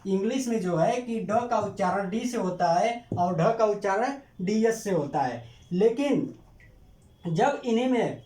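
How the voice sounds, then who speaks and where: Male teacher, grammar lesson, asks and answers his own questions, drawn-out repeated terms, roomy echo. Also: high-pitched, lively intonation, dark tone. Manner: drawn-out emphatic repetition of terms.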